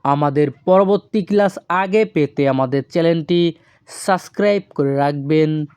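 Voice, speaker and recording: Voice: medium pitch, a little mellow, clean tone, no room sound, clean studio sound. A language teacher giving a scripted lesson, repeating each phrase and spelling it out word by word. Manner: says foreign phrases very slowly, word by word.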